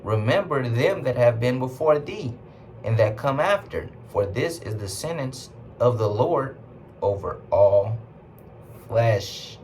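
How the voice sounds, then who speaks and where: A man with a Southern US accent teaching scripture, reading verses slowly and explaining them in casual speech with rhetorical questions. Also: medium pitch, lively intonation, darkish tone, slight background noise. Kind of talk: scripture class preaching.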